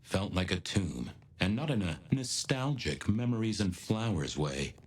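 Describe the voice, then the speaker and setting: A man's voice: deep voice, very animated, a little slow, slightly rough, heavily acted. An actor playing a gloomy, morbidly droll man in a video game, speaking morosely.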